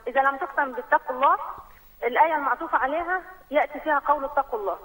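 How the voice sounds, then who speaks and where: A woman's voice: high voice, very fast, fairly bright tone. A woman from Saudi Arabia calling in over the phone, asking her questions in one long run and reading out verse numbers and quotes. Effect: heard over a phone line. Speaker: caller. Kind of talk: phone-in question to a religious program.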